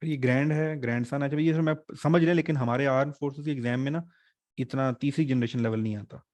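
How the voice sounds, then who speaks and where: A male teacher runs an online exam-prep class in a chatty, joking way. His voice sits at an ordinary middle pitch and is recorded dry and close on a desk mic, with no room sound. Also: fairly even intonation, fast, darkish tone, dry recording. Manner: chatty, joking teacher mixing English terms.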